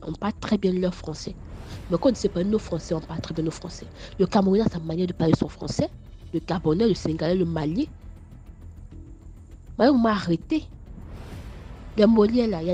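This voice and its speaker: A young woman with an Ivorian French accent tells her own story in a casual spoken voice message, stammering and repeating words, animated and scolding. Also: lowish voice, fast talker, faint music behind.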